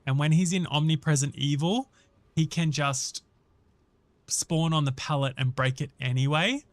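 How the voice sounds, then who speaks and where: Guy streamer w a bit of a higher voice, chatty gaming commentary, thinking out loud, pretty dry sound. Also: steady tone, normal speed, no room sound. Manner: conversational, thinking aloud while addressing viewers. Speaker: live streamer and host. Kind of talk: casual gaming livestream chat and commentary.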